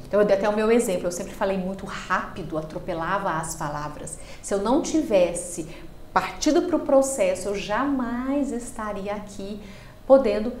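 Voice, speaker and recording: A Brazilian woman, a speech therapist guest on a podcast, explaining with expressive swings in pitch and loudness. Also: slight background noise. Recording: roomy studio echo.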